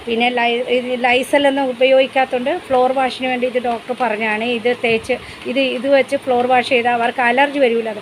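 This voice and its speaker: Woman, high voice, chatty pet vlogger, faint background hiss. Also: flat delivery, fairly quick, poor audio. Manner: chatty, talks baby talk to her dog in a higher voice. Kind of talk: casual vlog narration.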